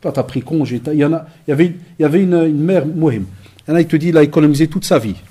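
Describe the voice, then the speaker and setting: A man giving a lecture to young people, telling lively stories with acted-out dialogue and Arabic phrases mixed in. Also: on the high side, very fast, husky. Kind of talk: conference talk to young people.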